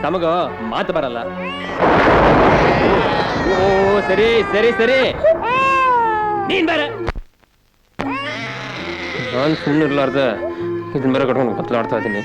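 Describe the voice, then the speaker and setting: A man's voice: fairly high pitch, sing-song, a little slow, pauses often, loud music behind the voice. An actor playing a short-tempered young man stuck caring for a baby, scolding and blustering in film dialogue. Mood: exasperated. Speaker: film hero. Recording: movie soundtrack with loud score.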